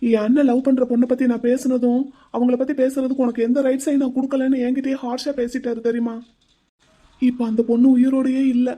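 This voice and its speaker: A man voicing a troubled young man in an animated drama, speaking earnestly and with distress. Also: extremely high pitch, fast talker.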